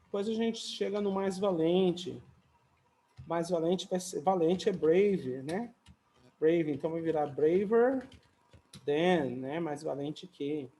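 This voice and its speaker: Chatty teacher with a mellow voice. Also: male voice, on the high side, slow, a little hiss or hum. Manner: chatty, adds "né?" and "tá?" often, light jokes. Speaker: English teacher. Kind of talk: casual video lesson.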